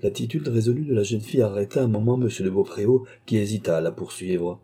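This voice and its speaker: A man narrating a classic novel as an audiobook, in a measured, dramatic reading. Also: fairly low pitch, dark tone, slightly rough.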